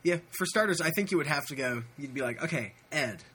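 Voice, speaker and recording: A man's voice: on the high side, expressive, quick pace, bright, forceful tone, breathy edge. A man co-hosting a podcast in casual chat, making dry, wry jokes. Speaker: podcast co-host.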